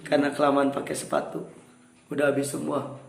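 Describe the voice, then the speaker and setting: A young man telling a story in a casual interview, animated, raising his voice for quoted dialogue. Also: mid-range voice, fairly quick, gravelly. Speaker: guest storyteller. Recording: echoey room with soft music.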